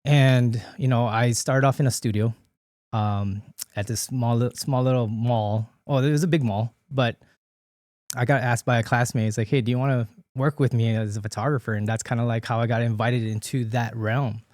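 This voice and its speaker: A man in his late thirties, from the Philippines by way of Hawaii, talks as a podcast guest at an everyday middle pitch. His speech rambles casually with plenty of fillers and quick self-corrections. The sound is close and dry, with no room echo. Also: fairly even intonation, a little mellow. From Philippines, raised in Hawaii. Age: late 30s. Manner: loose and chatty, full of "you know" fillers and restarts, laughs often. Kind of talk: casual conversational interview.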